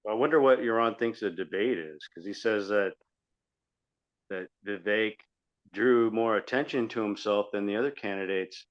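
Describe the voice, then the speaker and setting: This podcast co-host, a man with a lowish voice and moderate pace, offers critical, argumentative political commentary conversationally. The recording is dull and lo-fi.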